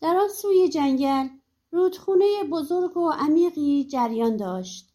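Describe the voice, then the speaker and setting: High-voiced woman narrating a folk tale. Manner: lively, animated storytelling. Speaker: audiobook narrator. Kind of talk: expressive storybook narration.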